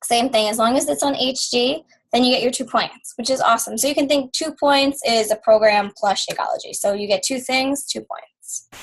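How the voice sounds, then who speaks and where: A woman co-hosting a team conference call, upbeat and chatty, quick to get excited. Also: a little high, rough recording.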